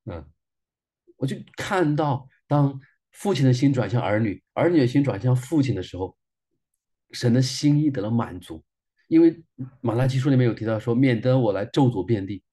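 A man's voice: mid-range voice, lively intonation, moderate pace, mellow, slightly rough. A man in his forties, a minister, sharing a personal testimony sermon in an earnest way and repeating phrases for emphasis.

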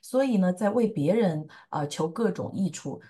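A woman in her thirties giving an earnest personal faith testimony, halting often with fillers as she recalls events. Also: on the low side, lively intonation, warm tone. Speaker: testimony speaker. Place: lives in the United States.

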